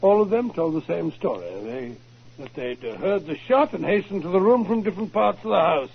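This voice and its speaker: Casting: gentlemanly English doctor, high-pitched and husky, earnest precise storyteller, old radio. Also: male voice, lively intonation, fairly quick, heavily acted. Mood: earnest, recounting. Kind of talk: 1940s radio drama acting. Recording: muffled 1940s radio broadcast recording.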